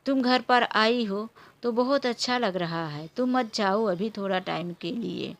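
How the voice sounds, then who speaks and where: A woman voicing a lonely, hurt elderly grandfather, speaking softly and wearily in a storybook tale. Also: a little high, a little slow. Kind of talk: storybook character voice.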